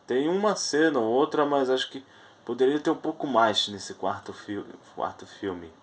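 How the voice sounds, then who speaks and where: A man's voice: medium pitch, animated, normal speed, husky, rough recording. Hesitant Brazilian man reviewing a film. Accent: Brazilian Portuguese. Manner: rambling, hesitant, many restarts. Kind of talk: casual spoken film review.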